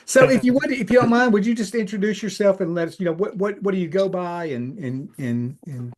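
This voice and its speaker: Older guy hosting an interview on a video call, talks in loose asides and restarts, kinda high voice. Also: fairly quick, darkish tone. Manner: chatty, many restarts and asides. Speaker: retired immigration officer, interviewer. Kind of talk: casual interview.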